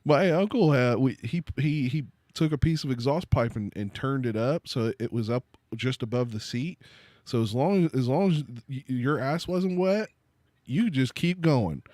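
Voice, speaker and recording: A man with a middle-pitched voice chats casually, rambling and stopping to restart his sentences. The sound is dry and close, with no room echo. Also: expressive, darkish tone. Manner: rambling, halting, many fillers and restarts. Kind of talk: casual chat.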